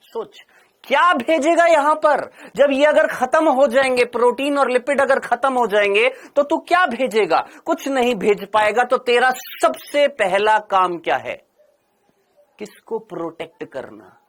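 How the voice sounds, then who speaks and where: A man's voice: very high-pitched, expressive, unhurried, fairly bright tone. A male biology teacher giving an exam-prep lecture. He asks and answers his own questions and teases his students in a playful, scolding way. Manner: addresses the student as "my brother".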